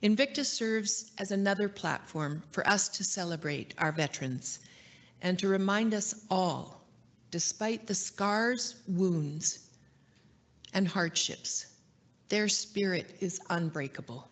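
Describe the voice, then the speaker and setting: A Canadian woman executive giving a formal meeting address and answering shareholder questions in a measured, gracious way. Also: medium pitch, expressive. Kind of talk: formal speech, then live Q&A. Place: meeting hall.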